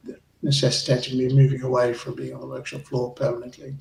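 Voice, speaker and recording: A man with a Zimbabwean accent, chatting casually as a guest on a racing club show, with a friendly, halting way of talking. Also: mid-range voice, vocal fry, warm tone, roomy sound, distant mic, poor audio. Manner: hesitant, restarts phrases, friendly. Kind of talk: casual interview chat.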